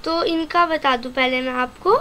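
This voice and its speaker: A woman with a Pakistani Urdu accent teaching an online language lesson, slowly repeating each vocabulary word and calling her viewers friends. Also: sits high, bright, forceful tone, a little hiss or hum. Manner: slow, careful repetition of vocabulary.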